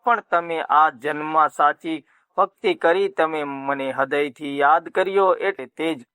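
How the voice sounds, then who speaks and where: A man's voice: on the high side, a little slow, pushed and bright, clean tone, no room sound. A man voicing the grieving queen Draupadi in a told myth, speaking in a trembling, imploring way. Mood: pleading. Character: grieving queen Draupadi, adult woman, pleading.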